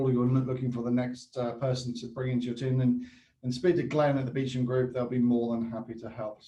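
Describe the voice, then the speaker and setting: A man co-hosting an online meetup, speaking informally and haltingly, often repeating phrases. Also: mid-range voice, warm tone. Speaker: event co-host and company owner. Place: online video call. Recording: roomy, distant mic, faint noise.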